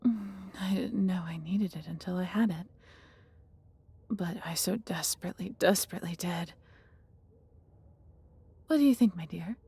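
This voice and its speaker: Playing a fiercely protective, affectionate female dragon in a fantasy audio roleplay, a woman speaks at a moderate pace and pauses often, her voice low, dark, soft, heavily breathy and husky. Her formal storybook delivery is theatrical yet intimate, moving from amazed and delighted to tender and intimate.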